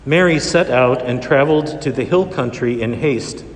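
A priest giving a liturgical reading and homily in a measured, solemn way, his voice ringing with cathedral echo. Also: medium pitch. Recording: echoey church hall reverb.

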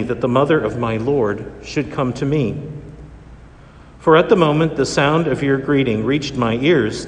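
Man in cathedral echo, solemn. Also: medium pitch. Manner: measured, solemn delivery. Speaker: priest. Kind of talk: liturgical reading and homily. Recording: echoey church hall reverb.

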